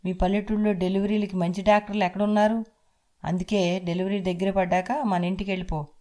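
A woman voicing a domineering young husband who talks in a loud, bossy way. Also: high voice, flat delivery, a little fast, natural voice.

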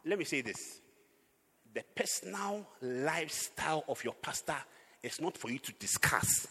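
A man preaching a sermon as pastor, animated, with sudden loud outbursts. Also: on the high side, moderate pace, long reverb tail, a little hiss or hum.

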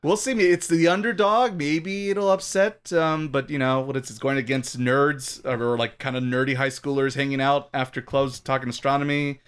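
A man's voice: mid-range voice, fairly even intonation, moderate pace, hardly any pauses, smooth. A man co-hosting a casual podcast chat, rambling and laughing often. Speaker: podcast co-host.

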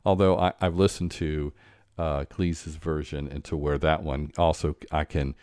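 A man hosting an interview, talking in a halting way with many restarts and fillers. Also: extremely low pitch, level tone, a little mellow, smooth, dry recording, studio quality. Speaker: podcast host. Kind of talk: conversational interview.

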